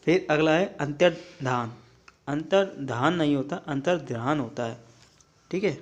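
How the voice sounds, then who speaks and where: Young male tutor, slightly high voice, repetitive drill delivery: wrong word, right word, "okay", next. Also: muffled recording. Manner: repetitive drilling, checks in with "ठीक है" often; contrasts the wrong form with the right one, pausing mid-word. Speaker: Hindi teacher. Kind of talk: spelling lesson for exam prep.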